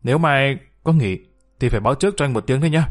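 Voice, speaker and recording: A man voicing a middle-aged restaurant manager who talks in a brisk, matter-of-fact way. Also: medium pitch, lightly acted. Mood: businesslike.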